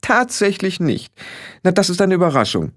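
A haughty teenage witch girl, put on by a male audiobook narrator, talks down to everyone in clipped, imperious tones. The voice sits well above his own and swings widely in pitch as she lectures and sneers. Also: sing-song, moderate pace. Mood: exasperated. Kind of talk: audiobook character voice.

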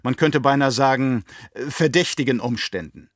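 A man's voice: medium pitch, normal speed, no room sound, clean studio sound, natural voice. A man voicing a nervous, drugged guard captain who stammers through servile reports in an audiobook reading.

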